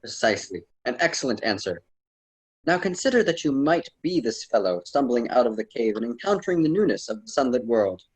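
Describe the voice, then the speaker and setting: A man voices a patient Roman poet-mentor in theatrical radio drama dialogue, speaking in formal, archaic phrases with a patient, persuasive mood. His medium-pitched voice is very animated, fairly quick, and breathy, and the recording is rough.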